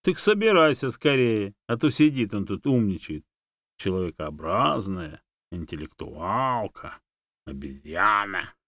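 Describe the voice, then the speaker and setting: A man's voice: fairly low pitch, big pitch swings, measured pace, a bit bright, no room sound, heavily acted. A man voicing a sarcastic, know-it-all female monkey who teases and mocks her friend. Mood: teasing. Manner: teasing, mocking.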